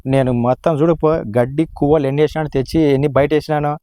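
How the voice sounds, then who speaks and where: A man's voice: fairly high pitch, steady tone, fast talker, warm tone, dry recording. Rambling rural man, teasing and dramatic. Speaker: husband in a village comedy skit. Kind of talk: comic rural banter. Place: outdoors, sitting on a rock.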